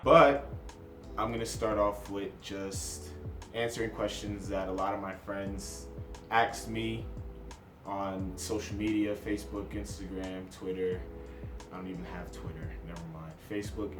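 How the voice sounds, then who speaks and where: A man's voice: lowish voice, fairly even intonation, a little slow, roomy sound, music in the background. A man in his twenties from New Jersey, chatting casually to camera in his first vlog, self-deprecating and hopping from topic to topic. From New Jersey, USA. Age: 20s. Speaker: vlogger.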